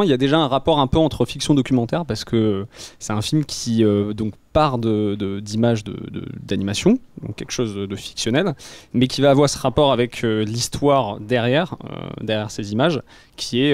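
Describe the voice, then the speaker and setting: A man with a French accent from France, giving a casual, halting film review as a columnist. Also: mid-range voice, darkish tone, no echo. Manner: hesitant, halting explanation.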